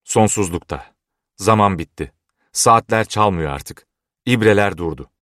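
A frantic, half-mad old clockmaker, as a male audiobook narrator puts him on, crying out in anguish. The voice is pushed up high and strained. It sounds close and dry, with no room around it. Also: expressive, unhurried, dry recording. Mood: dazed. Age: older. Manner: anguished shouting.

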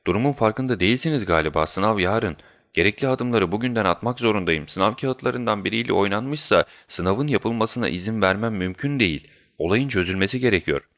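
A man voicing an anxious, fussy older male college tutor who pleads and frets, speaking a little above his own low voice. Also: expressive, brisk, fairly bright tone, dry recording, clean studio sound. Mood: agitated. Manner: flustered, pleading.

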